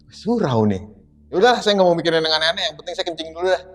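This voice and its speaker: A man, a guest recounting a spooky road trip in a lively, dramatic way, acting out the voices of people in his story. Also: on the high side, very fast. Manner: lively, dramatic retelling with acted quotes. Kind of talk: telling a horror experience in a podcast.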